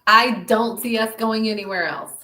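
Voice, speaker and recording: A woman's voice: fairly high pitch, steady tone, moderate pace, pushed and bright. A woman co-hosting a podcast in casual sports chat, emphatic and playful with words. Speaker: podcast co-host. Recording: roomy echo.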